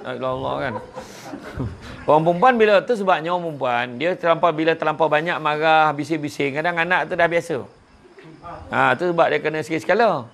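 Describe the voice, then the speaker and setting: Man, Malaysian Malay accent, humorous religious talk, teasing manner, gravelly voice, faint background noise. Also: fairly high pitch, a bit bright. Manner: joking and teasing the audience. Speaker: religious speaker. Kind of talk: humorous talk to a family gathering.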